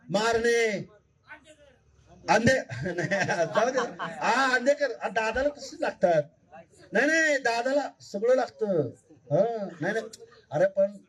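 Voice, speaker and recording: Fiery high-voiced man addressing a rally. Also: slightly rough, far from the mic, low-quality recording. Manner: impassioned, pleading, fires rhetorical questions at the crowd. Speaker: political speaker at a public meeting. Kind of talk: fiery political rally speech. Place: public meeting before a crowd.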